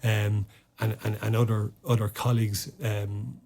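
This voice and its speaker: Heard here is a former soldier from Ireland, interviewed casually as a podcast guest. His lowish, darkish voice barely moves in pitch and keeps a measured pace, while his speech is hesitant and full of fillers and restarts.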